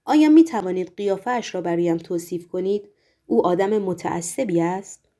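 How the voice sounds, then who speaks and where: A woman voicing a stern, probing male Roman governor who asks measured, formal questions. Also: on the low side, mellow, close to an everyday voice.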